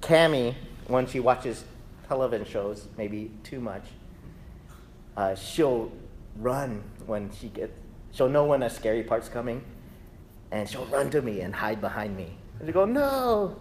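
A man preaching an Easter sermon in a lively, conversational way, acting out voices in his stories. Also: mid-range voice, a little slow, a little hiss or hum. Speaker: pastor.

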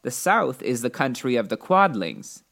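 A man's voice: medium pitch, very animated, normal speed, creaky, a bit bright, pitched above the performer's own voice. A grave little Munchkin man from a storybook, read by a man. He speaks in a mid-range voice with a cautioning, informative manner. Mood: grave warning. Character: grave little Munchkin men warning of danger. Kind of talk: storybook character reading.

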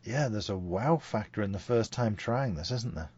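Guy hosting a podcast, husky low voice, lo-fi sound. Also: lively intonation, moderate pace, a little mellow. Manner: enthusiastic, chatty. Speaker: podcast host. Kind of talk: casual chat.

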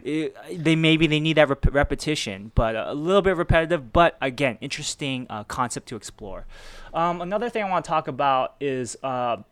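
Animated rambling young man debating. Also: a little high, a little fast, smooth. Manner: rambling, swears freely, acts out reactions in quoted voices. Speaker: debater arguing the pro side. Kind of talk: animated casual debate talk.

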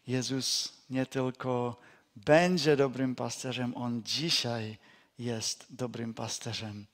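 This man preaches as a pastor, taking his time and repeating important phrases. He drops to a soft, low voice when stressing a point and weaves in a little homespun storytelling.

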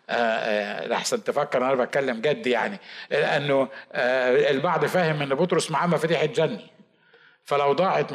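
A man with an Egyptian Arabic accent, preaching a Bible study sermon in a lively, talkative way with asides and mock quotes. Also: medium pitch. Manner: says he shouts and talks fast. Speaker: pastor.

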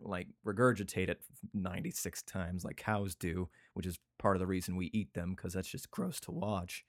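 A man with a lowish voice reads old scripture aloud and keeps breaking into crude, rambling jokes. The sound is dry and close, with no room echo. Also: fairly even intonation, normal speed. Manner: irreverent, profane, rambling asides. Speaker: host reading scripture aloud with comments. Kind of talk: casual comedic reading and chat. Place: indoor room with a cat.

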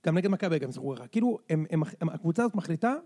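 A man co-hosting a casual sports podcast, excitable and quick to jump in. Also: fairly high pitch. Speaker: podcast co-host.

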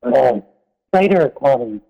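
A male caller on a call-in show, speaking haltingly with many ums while his phone audio keeps cutting out and breaking up. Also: mid-range voice, expressive, vocal fry. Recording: muffled phone line breaking up.

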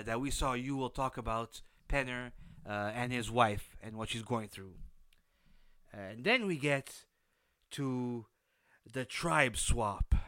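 A man's voice: medium pitch, sharp tone, clear, resonant tone, no echo. A man with a nasal, stuffed-up voice from a blocked nose, giving a casual recap as a solo host with emphatic delivery. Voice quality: nasal, congested. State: blocked nose from sinus issues.

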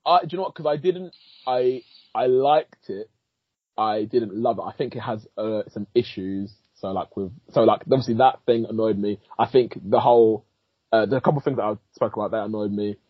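A husky-voiced man rambles through a film recap in casual podcast chat, animated and swearing freely, laughing as he goes. The sound is dry and a little dull, like a lo-fi home recording. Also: fairly low pitch, normal speed, dry recording. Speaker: podcast co-host, film critic.

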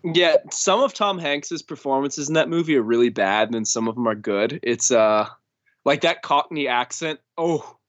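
A man's voice: mid-range voice, steady tone, moderate pace, hardly any pauses, no room sound, highs cut off. A man on a film podcast panel, chatting casually and joking around. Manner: playful, joking. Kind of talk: casual chat.

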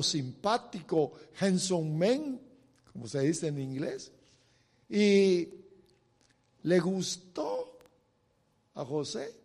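A man's voice: fairly high pitch, a little mellow, in a large hall. A middle-aged man preaching a sermon, retelling a Bible story dramatically and talking straight to the listeners. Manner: dramatic storytelling with acted quotes, direct address.

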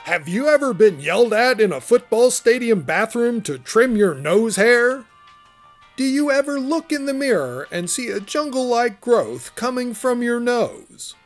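A woman reading a mock commercial voice-over in a bright, salesy announcer manner. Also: on the high side, sing-song, unhurried, soft background music.

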